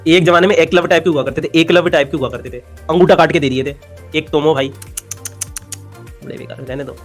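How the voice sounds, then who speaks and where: Young Indian male teacher, quick and teasing, lecturing physics over faint music. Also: fairly high pitch, fairly even intonation. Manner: playful, teasing, mixes in English phrases. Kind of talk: animated classroom lecture.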